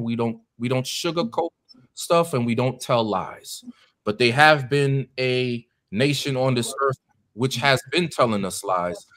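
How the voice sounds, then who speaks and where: An American man, a deacon, preaching earnestly and directly to guests at a meeting, with many ums and uhs. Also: mid-range voice. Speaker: deacon leading a Bible study.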